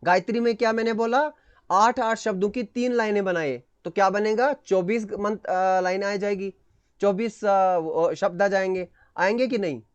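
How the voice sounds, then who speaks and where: A man's voice: sits high, steady tone, normal speed, clear, resonant tone, no room sound, dull audio. A man teaching an astrology class over a video call, explaining patiently, mixing in English terms and checking that students follow. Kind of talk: online class lecture.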